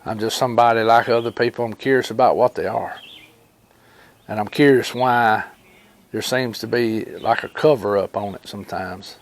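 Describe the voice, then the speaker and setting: A man with a rural Alabama drawl spins a personal tale as if by the fireside. His delivery is folksy and unscripted, wandering along with pauses and bits of retold conversation. His pitch sits in an ordinary male range. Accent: Southern US, rural Alabama. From Alabama, United States. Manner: folksy, rambling, with pauses and reported dialogue. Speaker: storyteller and homesteading channel host. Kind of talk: fireside storytelling of personal experiences, informal and unscripted.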